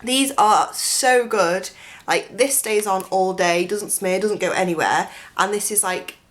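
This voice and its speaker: A young beauty vlogger, her voice croaky from a chest infection, gushes her way through a makeup tutorial, close to the camera in a bedroom with a dressing table. She speaks at medium pitch and unhurriedly, her chat full of "like" and "um".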